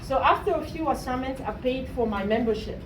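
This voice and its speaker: With a high, animated voice and a slightly quick pace, a Cameroonian woman coaches students in a motivational university talk. She regularly checks in by questioning the audience, adding "right?" often. The sound is roomy and distant, carrying a little faint noise.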